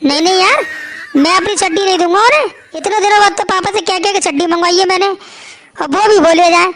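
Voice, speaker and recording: A woman voicing a naive, boastful young village boy in a cartoon who is quick to panic. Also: extremely high pitch, a bit bright. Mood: alarmed.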